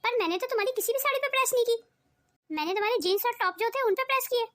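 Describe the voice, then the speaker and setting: A meek, caring young daughter-in-law in a cartoon, voiced by a woman. Her voice is very high and quick. She speaks gently and pleadingly. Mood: gentle. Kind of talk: cartoon voice acting.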